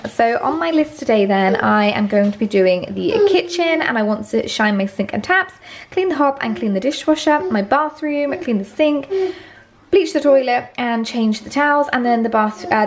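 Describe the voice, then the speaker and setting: A woman's voice: a little high, slight background noise. A young woman chatting casually in a home vlog, filling her talk with ums and likes. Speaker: lifestyle vlogger.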